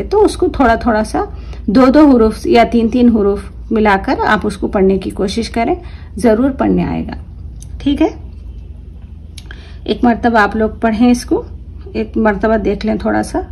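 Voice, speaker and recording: A woman's voice: fairly high pitch, normal speed, gravelly, darkish tone, slightly rough. A woman teacher giving an online language lesson, patiently reading word lists aloud and stretching and repeating each word. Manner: patient, instructive, checks in with "ठीक है". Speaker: Urdu teacher.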